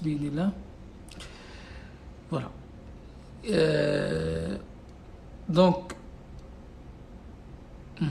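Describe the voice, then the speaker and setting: Teaching a live online class without a whiteboard while away from home, this native Arabic speaker is casual but insistent, restarting often, using many fillers and repeating himself. His slightly high voice is creaky and a little mellow, and a faint hiss or hum can be heard.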